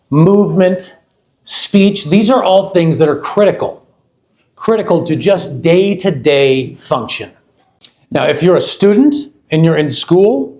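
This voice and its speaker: A man in his fifties giving a product launch talk to an audience, halting and repeating words, putting questions to the crowd. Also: a little high, mellow. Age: 50s. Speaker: company vice president presenting a product. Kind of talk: live product launch presentation. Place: event hall before an audience.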